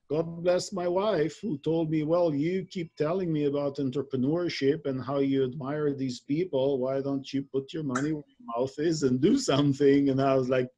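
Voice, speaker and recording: A middle-aged man from Israel, telling his story with jokey asides in a casual webinar conversation. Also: a little high. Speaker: webinar co-host.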